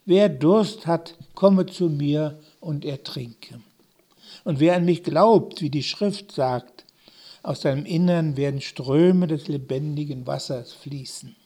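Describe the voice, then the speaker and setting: A man reading the words of a calm, solemn male teacher in a slow, measured way, with long pauses. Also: a little high. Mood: calling out. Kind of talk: scripture reading.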